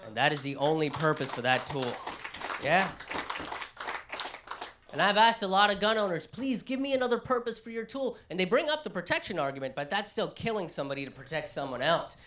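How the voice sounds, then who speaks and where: A male comic works a small live room with a ranting, animated delivery. His voice swings widely in pitch as he builds each bit. The sound rings off the venue's walls. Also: fairly quick, reverberant, a little hiss or hum. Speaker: stand-up comedian. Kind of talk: live stand-up comedy.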